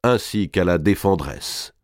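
A man voicing a grave and majestic medieval king who speaks in a solemn, measured way. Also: medium pitch, very animated, a little mellow, no echo, clean studio sound, voice pushed up.

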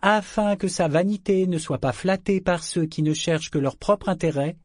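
A man's voice: high-pitched, normal speed, darkish tone, no room sound, clean studio sound, pitched above the performer's own voice. Storybook heroine, proud and icy, as a man puts her on in a lifted voice, reciting with formal poise. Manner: ceremonious, cold, reciting formally. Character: proud, defiant young woman counselor.

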